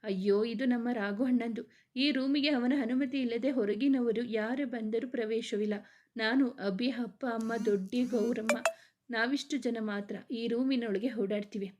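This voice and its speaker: A woman's voice: fairly high pitch, fairly even intonation, normal speed, darkish tone, a little hiss or hum, lightly acted. A woman voicing a chatty, gossipy young woman, the hero's sister, in a storybook reading.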